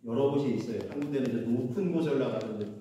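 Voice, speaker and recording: A man's voice: mid-range voice, rapid-fire, mellow, a little hiss or hum. A man preaching a sermon as a pastor, asking the congregation questions as he goes. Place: church sanctuary. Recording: echoey church hall, mic from a distance.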